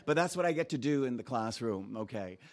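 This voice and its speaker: A guest preacher raised in Japan, with a mid-range voice, reads a scripture passage before slipping into tales of his childhood. His storytelling is animated and conversational, peppered with brief asides to the congregation and laughs.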